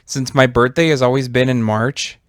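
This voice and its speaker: A man in his thirties chats as a podcast co-host. His voice sits at an ordinary middle pitch and the sound is dry and close. He rambles thoughtfully and leans on fillers as he talks. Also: steady tone, normal speed, no echo. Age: 30s. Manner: reflective, rambling with many fillers. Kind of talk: casual chat.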